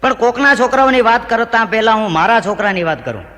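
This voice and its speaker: A man doing stand-up, telling Gujarati folk jokes to a live audience and shouting out the lines of the people in his stories. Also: high-pitched, fast, long reverb tail. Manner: animated joke-telling, shouts out the heckler's lines. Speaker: stand-up comedian.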